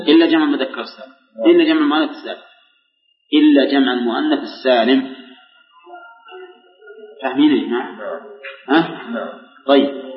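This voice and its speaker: An older man teaching grammar to a class, quizzing students and slowly repeating examples. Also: mid-range voice. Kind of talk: classroom lesson with questions to students. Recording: echoey hall, dull lo-fi recording.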